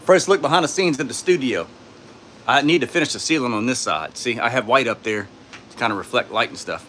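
Male streamer, sore throat, tired and laid-back, mid-pitched, phone mic in a home studio. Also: brisk, bright, forceful tone, slight background noise. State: sore throat, speaking softly. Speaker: YouTuber hosting a live stream. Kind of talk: casual live-stream chat, reading out and answering viewer comments. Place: indoors in his home studio.

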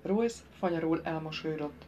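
A woman with a low voice narrates an audiobook in a measured, quiet way. The recording is dull and lo-fi. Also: slight background noise.

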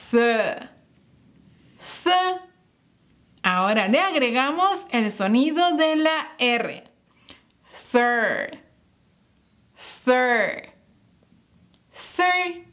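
Slow, lively woman teaching pronunciation. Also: high voice. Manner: slow, emphatic repetition of words for learners. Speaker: English teacher. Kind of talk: slow, drilled pronunciation lesson.

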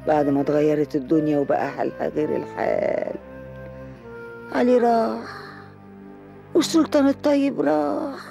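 Gravelly grieving old mother. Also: mid-range voice. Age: older. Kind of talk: TV drama acting.

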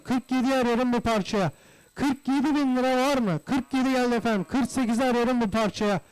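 A man's voice: extremely high pitch, clean tone, poor audio. A man working as a livestock auctioneer, calling out bids in repeated phrases and addressing guests formally and courteously. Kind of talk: live auctioneer calling bids, repetitive price chant.

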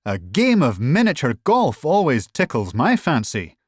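A reader voicing an excitable male sea otter scientist in a children's storybook, curious and eager. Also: medium pitch, measured pace, slightly rough, no room sound, clean studio sound, heavily acted. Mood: cheerful. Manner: excited, inquisitive.

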